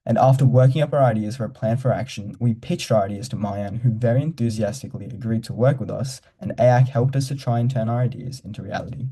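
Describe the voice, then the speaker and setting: A man's voice: medium pitch, fast talker, hardly any pauses, warm tone, slightly rough. A young man hosts an online youth event, reading a formal scripted welcome over a video call. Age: young adult. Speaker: event host.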